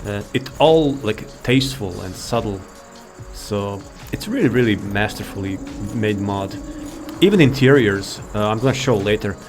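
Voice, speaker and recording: A gaming video host with a lowish voice shows off a modded game at normal speed, offering rambling, informal commentary and getting easily sidetracked. Faint game music plays in the background.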